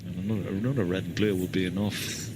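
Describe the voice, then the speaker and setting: A man with a low voice commentates on live snooker in a hushed, understated tone. His analysis is measured yet the words come quickly. Loud ambient noise and clicks sit behind him on the broadcast. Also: steady tone.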